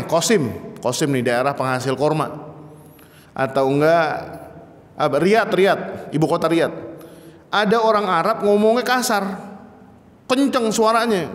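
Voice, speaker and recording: A man giving a humorous religious study lecture as a preacher in a mosque hall, joking and acting out dialogues. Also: a little high. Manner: jokey, acts out dialogues in different voices. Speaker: Islamic preacher. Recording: long mosque hall reverb.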